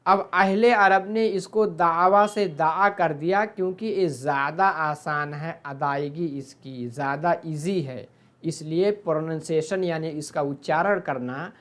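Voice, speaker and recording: Slow patient grammar teacher. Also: medium pitch, fairly bright tone. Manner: patient, drills verb forms slowly aloud. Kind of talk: slide-based grammar lesson.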